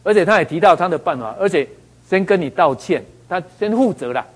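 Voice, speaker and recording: A man giving a motivational talk, animated, telling stories and asking the audience rhetorical questions. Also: sits high, brisk, breathy edge. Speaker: speaker.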